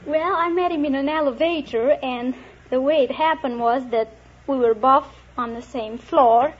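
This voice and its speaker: Woman from Egypt, quiz contestant, high and earnest; lo-fi vintage recording, faint audience. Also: moderate pace, husky. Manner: earnest, rambling anecdotes. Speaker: contestant, housewife. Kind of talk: chatty storytelling.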